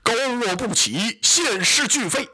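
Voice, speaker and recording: A hot-tempered general who barks and roars in gruff bursts, put on by a storyteller. His voice swings high and low in a bright, husky tone, with a lilt. It sounds like a staged tale told aloud. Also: sing-song, normal speed, exaggerated voice. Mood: angry. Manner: bellowing, gruff outbursts. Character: fiery blustering male general, loud and short-tempered.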